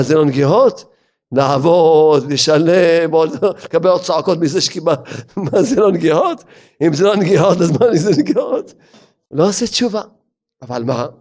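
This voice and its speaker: High-voiced animated rabbi preaching. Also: male voice. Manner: animated, rhetorical questions. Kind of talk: sermon with storytelling.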